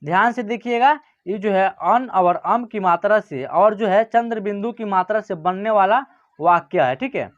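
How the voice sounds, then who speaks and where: A man teaching a reading lesson who says each word slowly and twice, checking often that listeners follow. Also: high voice. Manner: often adds "ठीक है ना" and "समझ गए ना". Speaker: Hindi teacher. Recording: muffled lo-fi recording.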